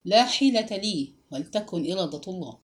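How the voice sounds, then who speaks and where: Blunt old aunt, voiced by a woman narrator, sharp and irritable. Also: on the low side, animated, a little fast, lightly acted.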